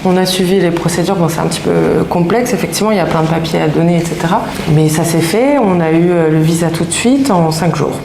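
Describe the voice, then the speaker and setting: A woman's voice: on the low side, quick pace, gravelly, hardly any pauses, noisy background. Hesitant French woman in her thirties. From France. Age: 30s. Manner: hesitant, many fillers. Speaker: guest. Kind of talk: casual interview. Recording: roomy sound with faint ambience.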